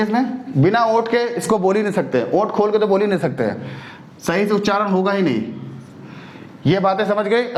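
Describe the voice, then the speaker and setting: A man teaching a Hindi grammar lesson, sounding out letters slowly and checking often that his students follow. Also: sits high. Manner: explains step by step, repeatedly checks understanding.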